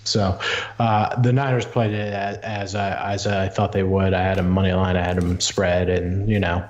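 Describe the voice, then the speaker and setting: A man with a very low voice talks sports as a podcast co-host. His delivery is casual and halting, with repeated words. The audio is dull and lo-fi. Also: little pitch movement, darkish tone. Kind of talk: casual sports betting chat and analysis.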